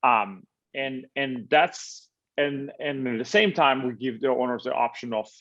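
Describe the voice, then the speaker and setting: A man's voice: medium pitch, measured pace, a bit bright. A man from Italy, a business founder, talks through his answers in a casual interview, stopping often, piling up fillers and repeating words as he thinks aloud. His voice sits in an ordinary middle range. The audio is a bit dull and lo-fi.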